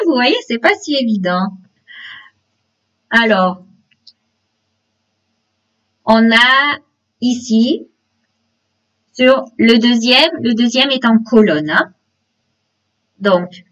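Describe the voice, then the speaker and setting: A woman's voice: fairly high pitch, fairly bright tone. A woman leading an online teacher-training webinar, explaining classroom games step by step and speaking directly to participants over a video call. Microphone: computer mic on a video call. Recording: dull lo-fi webinar audio.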